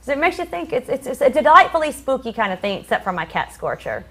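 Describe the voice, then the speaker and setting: A woman's voice: sits high, big pitch swings, pushed and bright. A woman co-hosting a casual spooky-themed talk show, chatting in a rambling way about songs and odd happenings. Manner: chatty, rambling, fast when rushed. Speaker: co-host.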